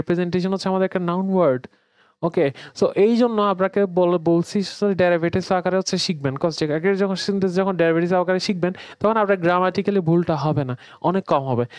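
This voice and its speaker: A man's voice: high voice, smooth, dry recording. A man from Bangladesh teaching an online English grammar lesson, explaining in a conversational way and dropping English words into his talk.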